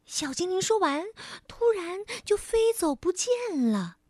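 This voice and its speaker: A woman telling a bedtime story to young children in a high, lively, sing-song voice. She speaks slowly and gently, turning to the child now and then, recorded close and dry. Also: dry recording. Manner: gentle, addresses the child as baby.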